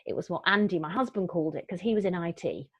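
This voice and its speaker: Speaking fast and expressively in a lowish voice, this middle-aged woman hosts a property investment webinar, upbeat and chatty, often using fillers and restarting sentences. Her lo-fi webinar audio sounds dull and dry, with a little hiss or hum.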